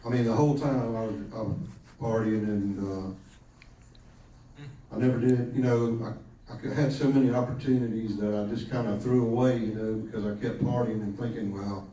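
A man giving a halting personal testimony at church, heard through a low quality stream of the recording. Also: steady tone, dark tone, very echoey, far from the mic, low-quality recording. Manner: halting, many fillers and restarts. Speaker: podcast host giving testimony.

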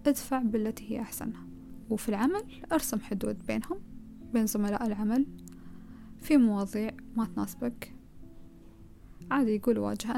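A woman's voice: fairly high pitch, creaky, warm tone. A woman with a Gulf Arabic accent giving a conversational self-help talk, advising the listener and piling up rhetorical questions.

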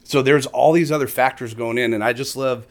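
A middle-aged man, explaining fishing tactics in casual conversation as an animated storyteller who acts out other anglers. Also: mid-range voice, a little fast. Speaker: fishing guest expert. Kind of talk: casual chat.

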